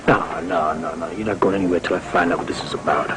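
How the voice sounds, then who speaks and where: An actor in a 1980s TV soap playing an injured, proud football player who talks in a curt, defensive way. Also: male voice, low voice, steady tone, fast talker, loud music behind the voice, close to an everyday voice. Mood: hostile. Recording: old TV recording with faint hiss.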